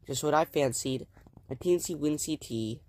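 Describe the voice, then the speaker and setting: A man's voice: on the high side, normal speed, darkish tone, natural voice. A man voicing a vain, bored rich mother who speaks in a languid, sighing way.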